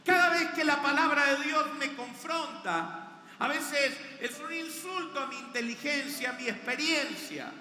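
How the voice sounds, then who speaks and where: A man's voice: extremely high pitch, a little slow, bright, forceful tone. A man with a Rioplatense Spanish accent preaching a sermon as pastor, leading the congregation in call-and-response and building in intensity. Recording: echoey hall with music behind.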